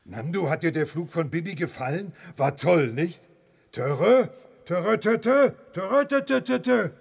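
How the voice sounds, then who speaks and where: An actor voicing a kind, good-natured talking elephant who trumpets in elephant talk. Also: male voice, sits high, lively intonation, a little slow, vocal fry, breathy edge, full character voice. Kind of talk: audio drama acting.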